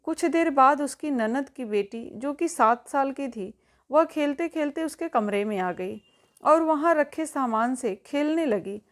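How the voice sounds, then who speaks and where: A woman with a high voice tells a family drama as scripted narration. She reads at an even pace and speaks each character's lines herself. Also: unhurried. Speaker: storyteller.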